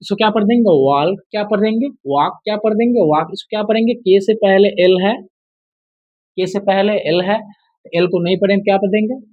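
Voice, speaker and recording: Over phone-quality audio, a high-voiced man speaks fairly quickly while teaching English spelling classroom-style. He poses a question, then repeats the answer again and again in call-and-response drills.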